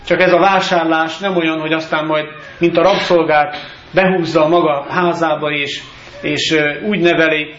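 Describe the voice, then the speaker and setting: A male pastor giving a solemn, measured baptism sermon with scripture readings in a church. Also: fairly high pitch, fairly bright tone, echoey room, highs cut off, a little hiss or hum.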